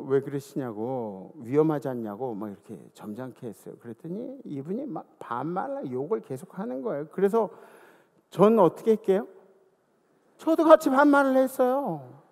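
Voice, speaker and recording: A man in his fifties preaching a sermon, his high voice rising and falling a great deal as he tells stories and throws questions at the congregation. A gravelly edge runs through his speech, and each phrase rings out in the long reverb of a church hall. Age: 50s. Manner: animated storytelling with rhetorical questions to the congregation. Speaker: pastor. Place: church sanctuary.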